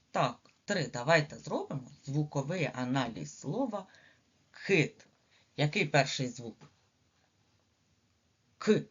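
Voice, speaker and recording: A woman with a Ukrainian accent teaches letters and sounds to small children, her low voice swooping up and down in a lively sing-song. She speaks slowly and stretches out syllables for the children. The recording is a little dull and lo-fi. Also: husky. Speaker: preschool teacher. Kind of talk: early literacy lesson for small children.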